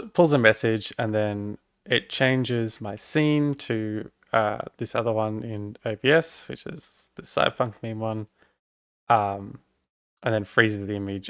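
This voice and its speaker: A man with an Australian accent talks through a live-stream setup in a loose, rambling way, joking at his own expense as he works. His voice sits on the low side. The sound is dry and close, with no room echo. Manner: rambling, self-deprecating, talks while working. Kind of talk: casual live-stream tech walkthrough.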